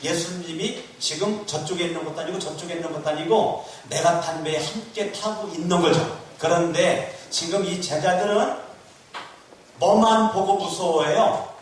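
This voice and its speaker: With hardly any pauses, a man pastor in a church hall preaches at a moderate pace in a voice on the high side. He repeats himself emphatically and poses rhetorical questions to the congregation. A little hiss or hum comes through, and the distant recording echoes.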